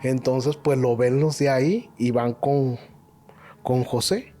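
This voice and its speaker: A man with a soft, mellow tone talks casually on a podcast, retelling a story in halting, stop-and-start phrases. Faint music plays underneath. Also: medium pitch, steady tone. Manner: hesitant, many restarts and filler words. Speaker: podcast co-host. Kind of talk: casual chat, retelling stories.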